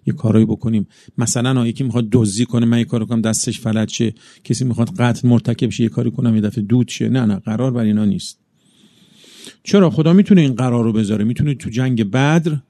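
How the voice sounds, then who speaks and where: Gravelly preacher delivering an emphatic sermon. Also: male voice, medium pitch, dark tone, no echo, studio quality. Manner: measured, builds up in emphatic bursts. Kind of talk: religious sermon.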